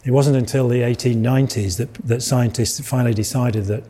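A man's voice: medium pitch, steady tone, brisk, mellow, breathy edge. A middle-aged man with a Yorkshire accent giving an illustrated lecture, rambling with restarts and asides.

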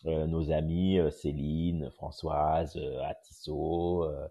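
A man with a very low, mellow, slightly husky voice hosts a casual live podcast room. He talks haltingly with frequent filler sounds, and he is picked up by a phone mic on an audio chat app. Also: steady tone. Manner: hesitant, many filler sounds. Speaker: podcast host and journalist.

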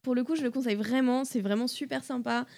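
A woman's voice: on the high side, fairly even intonation, fast, vocal fry, a little mellow. Easygoing woman radio guest. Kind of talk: casual chat.

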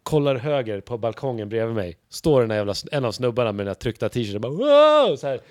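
A man's voice: medium pitch, dry recording, studio quality. A man who is a stand-up comedian, chatting casually as a podcast guest and telling stories animatedly, with plenty of swearing and filler words. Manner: animated storyteller, acts out other people's lines.

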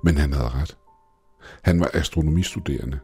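A man narrating a scripted first-person story in a steady, measured way. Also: extremely low pitch, breathy edge, faint music behind.

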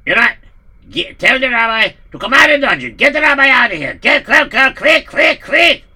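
Insistent noblewoman, high and husky, a male storyteller doing her. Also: sing-song, moderate pace, sharp tone, recorded from a distance, heavily acted. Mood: urgent. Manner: high, urgent, scolding. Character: shrewd noblewoman, landowner's wife, insistent.

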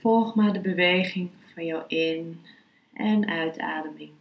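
A woman speaking as a meditation and philosophy teacher, calm, unhurried and instructive. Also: fairly low pitch, dull audio. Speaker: yoga philosophy and meditation teacher, podcast host. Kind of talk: spoken lesson, then slow guided meditation. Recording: roomy, echoing sound.

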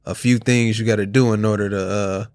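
A young American man chatting casually in slang, haltingly repeating himself as he works through his thoughts. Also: fairly low pitch, steady tone, a little mellow, clear, resonant tone. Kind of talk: casual chat.

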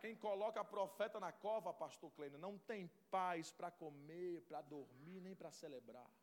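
A male pastor delivers a passionate sermon. His voice is high for a man. He sweeps from near-whispers up to ringing shouts, and a long hall reverb trails each phrase. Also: a little slow. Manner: fervent, swings from hushed to shouting. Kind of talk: preaching sermon.

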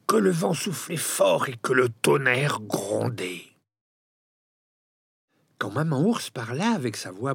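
A man reading a children's storybook aloud, slowly and with great expression. His slightly husky voice rises and falls in a lively way. The recording is close and dry, with faint music underneath. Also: medium pitch, no room sound. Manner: expressive, addresses listeners directly.

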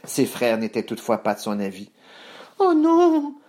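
A man reading a children's story aloud, expressive, voicing sound effects. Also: on the low side, brisk.

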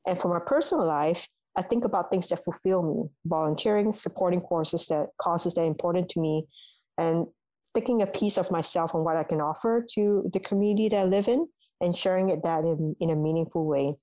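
A young woman from Malaysia, a university alumna answering interview questions in a measured, thoughtful way, with ums and restarts. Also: lowish voice, dark tone, dry recording, low-quality recording. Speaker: guest, alumna.

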